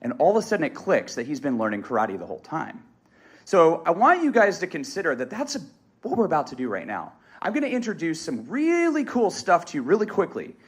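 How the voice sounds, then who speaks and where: Keynote-style male speaker, highish voice, big swings in pitch, fires up the room. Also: fairly quick, husky. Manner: energetic, rallying the audience. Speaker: motivational speaker and martial arts instructor. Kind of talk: live motivational stage talk. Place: stage at an event venue in a museum. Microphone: stage microphone.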